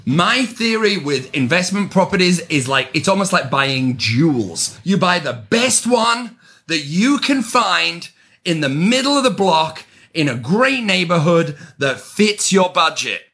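A man with a fairly high, very bright and forceful voice delivers a solo podcast monologue. He sounds like a gushing real estate agent, emphatic and persuasive, leaning hard on his key words. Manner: emphatic, gushing salesman-like pitch, stretching key words for stress.

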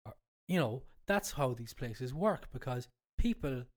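Stuffy from a cold, this Cork-accented Irishman speaks at a medium pitch with expressive delivery and a measured pace. He's a cook and cookery class instructor, here as a guest, explaining things conversationally and circling back to the same points.

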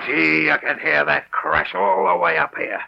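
An actor playing an excitable, murderous gangster henchman in an old-time radio crime drama, with slangy tough-guy talk and a gravelly voice. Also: a little high, measured pace, full character voice. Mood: gloating. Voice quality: gravelly, creaky. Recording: noisy, dull old radio recording.

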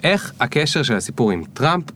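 A man's voice: on the high side, big pitch swings, fairly bright tone, a little hiss or hum. A man hosting a podcast interview, cutting in to ask his guest for clarification. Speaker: podcast host.

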